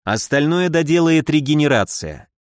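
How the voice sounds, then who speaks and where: A man narrates a first-person story in a wry, brisk way. His voice sits slightly high for a man. The recording is dry and close, with no room sound. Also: lively intonation, no room sound. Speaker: audiobook narrator.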